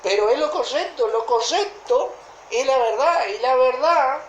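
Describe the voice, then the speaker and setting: An Argentine woman preaches a sermon in a fairly high voice, with a Rioplatense accent. She speaks deliberately and keeps checking that her listeners follow. The room gives an echo, with a faint hiss behind her. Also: lively intonation, highs cut off. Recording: echoey room.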